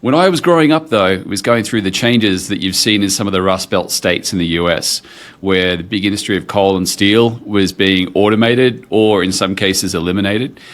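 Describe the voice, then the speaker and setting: Low-voiced Australian man telling his story. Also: moderate pace, a bit bright. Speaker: podcast guest, tech entrepreneur. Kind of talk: conversational personal storytelling.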